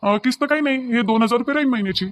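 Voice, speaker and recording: A man's voice: very high voice, racing. A man voicing a businesslike loan officer in a village cartoon, explaining terms with a Varhadi Marathi accent.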